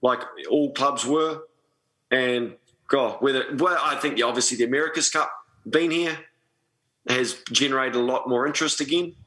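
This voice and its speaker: A man with a Kiwi accent in casual, matey conversation. His voice is very bright and forward at a middle pitch, and he leans on easygoing slang. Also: moderate pace, low-quality recording. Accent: New Zealand. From New Zealand. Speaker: podcast guest, sailing club commodore. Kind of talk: casual chat.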